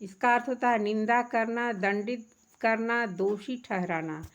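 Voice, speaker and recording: A woman's voice: fairly high pitch, unhurried. A woman teacher, patiently explaining a workbook lesson to children, asking questions and answering them herself.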